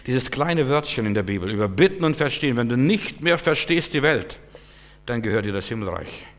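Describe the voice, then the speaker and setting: A man preaching a sermon with fervent, repetitive phrasing that climbs to loud, emphatic peaks. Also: medium pitch, animated, moderate pace. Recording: long hall reverb.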